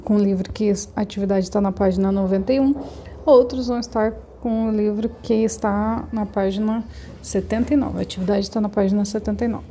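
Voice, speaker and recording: A woman's voice: mid-range voice, mellow, a little hiss or hum. A woman teacher, patiently explaining textbook exercises step by step for her young pupils in a remote class. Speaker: primary school teacher.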